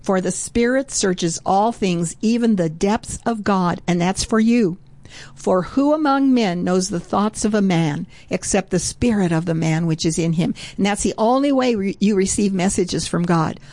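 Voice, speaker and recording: A woman's voice: medium pitch, moderate pace, darkish tone, no room sound. Earnest woman preaching, dry close sound. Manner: earnest, exclaims "oh" often. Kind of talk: sermon.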